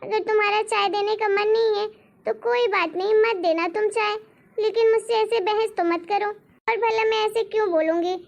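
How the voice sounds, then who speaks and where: A woman's voice: very high voice, fairly even intonation, moderate pace, gravelly, lo-fi sound. A woman voicing a scheming, complaining mother-in-law in a cartoon story, nagging and blaming. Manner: nagging, complaining, blames others. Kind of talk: animated cartoon voice acting.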